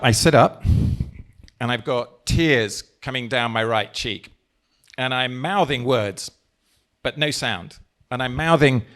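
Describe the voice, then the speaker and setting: Speaking live into a handheld mic, a man who heads a party in England hammers his points home with slow, emphatic phrasing. He talks in a mid-range voice to the audience.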